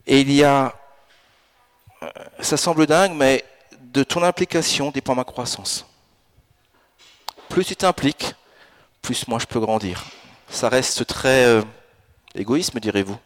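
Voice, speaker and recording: A man in his fifties delivers a church sermon from the pulpit. His voice sits at a middle pitch, and his delivery is animated, rising into emphatic, urgent bursts as he presses his points. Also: a little slow, pauses often. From France and Italy. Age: 50s. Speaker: pastor. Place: church in Alsace.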